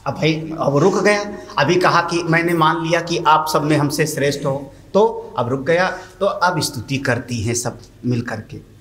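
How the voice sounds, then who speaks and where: High-voiced man chanting and explaining scripture. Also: fairly bright tone, reverberant. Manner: chanting Sanskrit verses slowly, then explaining in homely Hindi. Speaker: swami teaching scripture. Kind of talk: sermon-style scripture commentary.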